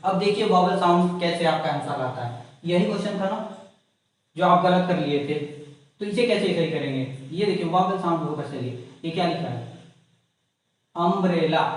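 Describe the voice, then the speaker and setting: A man teaching English grammar in a classroom lesson, repeating points and asking questions. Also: sits high. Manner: repetitive, asks the class questions. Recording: echoey room, mic far off.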